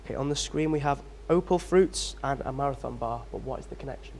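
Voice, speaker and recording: A man's voice: medium pitch, quick pace, a little mellow, a little hiss or hum. A young man hosting a staged quiz show, with upbeat, teasing presenter patter. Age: young adult.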